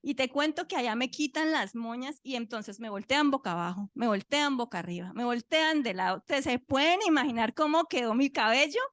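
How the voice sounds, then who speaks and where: A woman's voice: a little high, lively intonation, a little fast, hardly any pauses, a bit bright, no room sound. A middle-aged woman pastor with a Colombian accent, telling a personal testimony in a sermon and acting out the voices of the people in her story.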